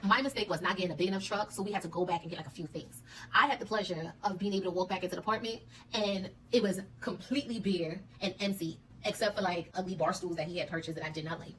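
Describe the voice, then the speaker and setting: A woman telling a personal story in a casual storytime style, blunt, profane and animated. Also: fairly low pitch, fast, far from the mic, a little hiss or hum, poor audio.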